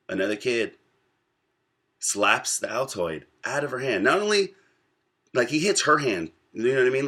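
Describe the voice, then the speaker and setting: A young American man in his twenties talks straight to his viewers, recounting a personal story. His voice sits low and comes out with a forceful edge. He pauses often between thoughts as he works through what he wants to say. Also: husky. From United States. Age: 20s. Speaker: vlogger. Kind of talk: casual storytelling to camera.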